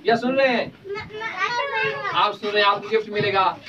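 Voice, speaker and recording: A man with a high voice calls out chants slowly and loudly, cheering and coaxing a group of children to repeat after him. He is heard from a distance on a dull, lo-fi recording. A loud crowd of children chatters over the whole event. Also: heavy background noise. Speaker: leader of a children's celebration. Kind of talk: call-and-response chanting with children.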